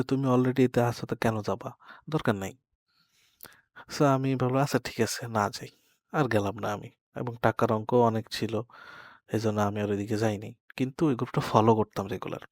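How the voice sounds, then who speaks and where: A young man, telling a rambling personal story in a casual podcast chat, speaking quietly at night. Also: medium pitch, no room sound, clean studio sound. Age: young adult. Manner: soft-spoken, rambling with self-corrections. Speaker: podcast co-host. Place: bedroom at night.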